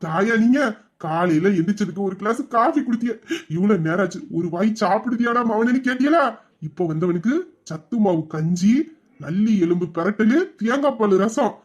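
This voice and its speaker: A man's voice: sits high, lively intonation, fairly quick, a little mellow. A man performing a comic sketch, full of sarcastic and grumbling asides.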